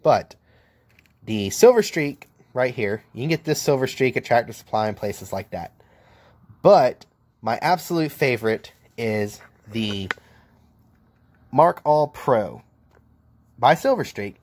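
A man's voice: mid-range voice, expressive, slow, long pauses, a little mellow. Blunt joking welder showing his tools. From United States. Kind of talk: casual hands-on tool demo. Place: outdoor welding table. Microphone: handheld camera mic, filming one-handed.

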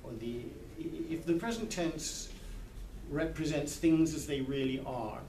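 In a large hall where a small book club sits in a circle, a literary translator in his sixties talks a little slowly in a warm, slightly high voice. He is contemplative and unsure, searching for words. The audio comes from a camera several metres away, distant and reverberant, with background noise.

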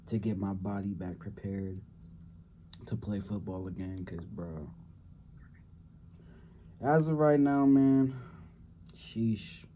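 A man's voice: on the low side, mellow, a little hiss or hum. A young man from California giving casual, profanity-heavy reaction commentary on a football game, rambling and slangy. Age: young adult. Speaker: sports reaction video host.

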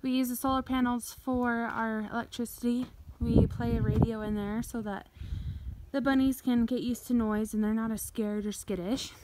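Woman explaining a farm barn, slightly high. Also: steady tone, normal speed, background noise. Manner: plain, explanatory, with fillers. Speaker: farm owner giving a tour. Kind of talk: casual walkthrough narration. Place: outdoors at a farm building site.

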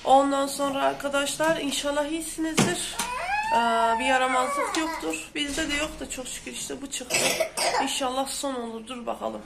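A woman's voice: high-pitched, fairly even intonation, normal speed, gravelly, heavy background noise. A woman hosting a casual home vlog, chatty and exclamatory, a bit sick with a sore throat, complaining as she talks. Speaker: vlogger host. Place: at home, indoors.

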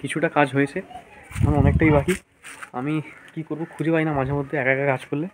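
A man's voice: on the high side, level tone, fast, noisy background. A man, chatting casually to camera in a village home vlog, coaxing and narrating his chores. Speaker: vlogger. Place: rural home, indoors and outdoors.

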